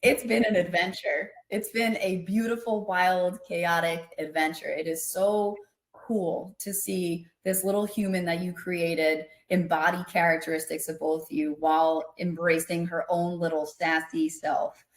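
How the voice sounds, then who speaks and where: A woman in her forties, a podcast guest chatting casually and warmly, animated and quick with asides, laughing often. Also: fairly low pitch. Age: 40s. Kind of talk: casual chat.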